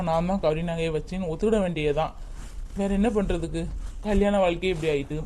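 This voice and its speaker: A man's voice: sits high, a little mellow, a little hiss or hum, natural voice. A man playing a young husband who regrets a mistake and coaxingly pleads with his wife. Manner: pleading, self-pitying, coaxing. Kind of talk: family skit dialogue.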